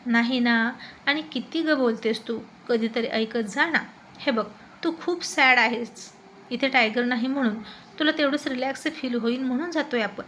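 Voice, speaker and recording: A woman's voice: fairly high pitch, moderate pace, a bit bright, slight background noise, close to an everyday voice. A woman doing a teasing young husband. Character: playful teasing husband, young adult man.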